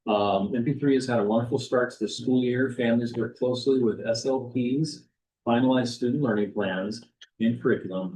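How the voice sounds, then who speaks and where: A man giving a school board report, reading principals' feedback aloud in a steady manner. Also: medium pitch, poor audio. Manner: steady, reads quotes aloud.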